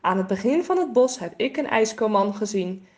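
A woman's voice: mid-range voice, lively intonation, normal speed, darkish tone, close to an everyday voice. A woman voicing a caring mother who comforts her lost daughter in a storybook. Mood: tender. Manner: tender, comforting.

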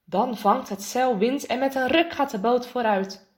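Lively woman reading a children's story. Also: a little slow. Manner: lively, voices the characters' lines with raised pitch. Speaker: narrator.

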